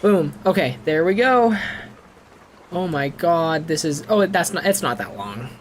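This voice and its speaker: A man chatting casually on a live stream, excitable and jokey, laughing often. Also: on the high side, a little slow, a little hiss or hum. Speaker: streamer reading creepypastas.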